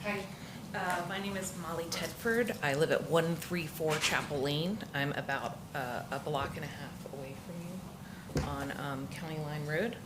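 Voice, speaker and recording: A woman who grew up locally in Florida, speaking at public comment in a council meeting, emotional and halting with many restarts. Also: low-pitched, background noise.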